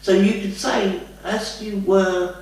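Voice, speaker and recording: A woman's voice: mid-range voice, fairly even intonation, takes it slowly, a little mellow. A woman speaking as a trance medium, answering questions in a homely, rambling way and calling the listener lovey. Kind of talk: spiritual guidance session, casual chat. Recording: very echoey room, far from the mic.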